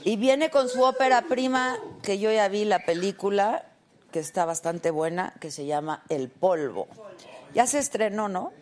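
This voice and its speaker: A woman's voice: mid-range voice, unhurried. A middle-aged woman with a Mexican accent, chatty and playful, hosting a live talk show. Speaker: host.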